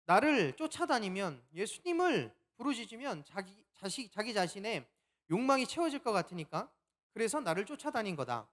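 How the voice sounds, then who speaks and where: A pastor preaching a sermon, telling the story in a lively way and acting out the quoted lines. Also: male voice, high-pitched, normal speed.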